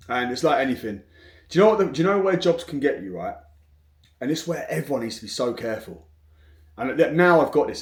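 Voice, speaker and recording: A man's voice: medium pitch, darkish tone. Frank, rambling man in an echoey room. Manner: rambling, frank, with many restarts. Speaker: construction business owner. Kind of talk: casual storytelling to camera.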